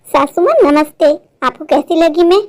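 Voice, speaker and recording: A woman's voice: high-pitched, normal speed, darkish tone, lightly acted. A woman voicing a cunning, defiant young bride in a cartoon, taunting in a mock-sweet way. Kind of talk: animated Hindi cartoon voice acting.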